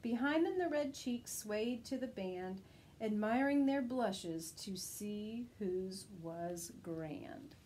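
A woman's voice: mid-range voice, slow pace, slight background noise, rough recording. A woman teacher reading a rhyming children's picture book aloud, lifting her voice for the characters. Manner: expressive rhyming storytelling, lifts her voice for quoted characters.

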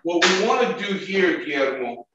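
Over a video call, a middle-aged chef instructor runs a cooking demo, encouraging his student and repeatedly asking "okay?" and "right?". He speaks at a moderate pace in a high voice with lively intonation. The sound is dull and reverberant, with a noisy background.

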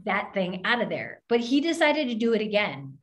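At an open forum, a woman minister animatedly recounts a story and performs the voices of its people. Her voice is mid-range, and she talks at a normal speed.

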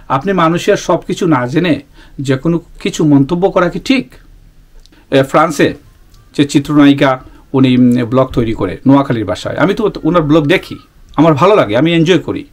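A man from the Sylhet region of Bangladesh hosting his own channel, talking earnestly to viewers in a casual monologue, pausing often with fillers and restarting his sentences. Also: on the high side, expressive, a little mellow. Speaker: YouTube channel host.

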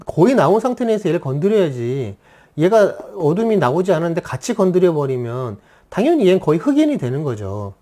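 A chatty art teacher walks through a drawing lesson, leaning on everyday examples and rhetorical questions. The voice is warm and mellow, and its pitch rises and falls a lot. The teacher keeps asking the listener to agree.

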